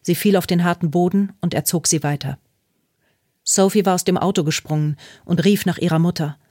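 A woman narrating a novel in a calm, measured way. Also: fairly low pitch, no room sound, studio quality. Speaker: audiobook narrator. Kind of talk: scripted narration.

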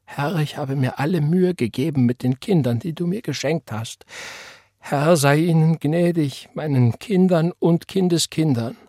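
A man's voice: a little high, measured pace, warm tone, no echo, studio quality, voice pushed up. A man voicing an old mother wailing a prayer. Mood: tearful prayer. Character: old weeping mother, praying in anguish.

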